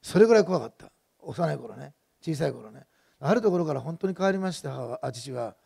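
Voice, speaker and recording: A man's voice: fairly high pitch, animated, brisk, vocal fry, dark tone, husky. A middle-aged male pastor preaching a sermon in a conversational, digressive way, with many fillers and personal stories.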